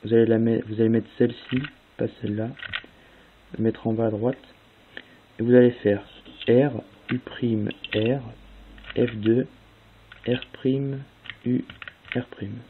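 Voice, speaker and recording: A man's voice: medium pitch, level tone, measured pace, pauses often. A young man casually explaining a puzzle-solving method step by step, with fillers along the way. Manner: casual, spells out move sequences step by step with fillers. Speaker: speedcubing tutorial host. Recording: tinny lo-fi phone-like audio with faint hiss.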